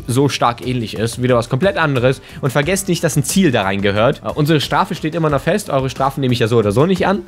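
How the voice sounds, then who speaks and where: A man talking casually over his gameplay as a gaming YouTuber, his voice hoarse and strained, excitable and slangy. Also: mid-range voice.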